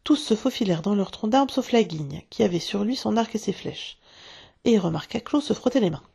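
A woman narrating a storybook in a hushed, dramatic way, often dropping to a whisper. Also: medium pitch, lively intonation, a little fast, gravelly, slightly rough. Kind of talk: storybook reading.

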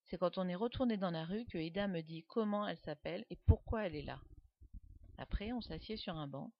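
A woman voicing an excitable young schoolboy who gets carried away by his own story, in a dull, dry recording. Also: fairly low pitch, fairly quick. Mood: lively. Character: excitable young schoolboy writer, dreamy and eager.

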